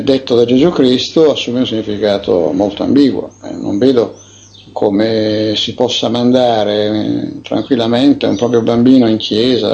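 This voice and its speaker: A man's voice: medium pitch, gravelly, a little mellow. Indignant man, dull lo-fi recording. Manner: indignant, emphatic; hesitant with frequent fillers. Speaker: investigative author.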